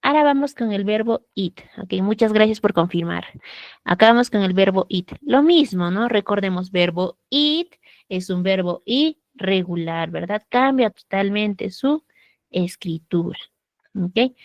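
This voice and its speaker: An expressive, unhurried woman with a medium-pitched voice teaches English grammar online in Peruvian Spanish, checking in with tag questions often and patiently. The video call's computer mic makes the recording dry and muffled.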